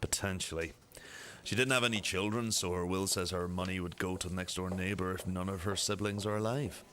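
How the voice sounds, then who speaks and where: For an amateur radio drama, a man plays a police detective, questioning in a measured, formal, matter-of-fact manner in a low, slightly bright voice. His intonation stays fairly even, the mood is musing, and faint noise sits behind him.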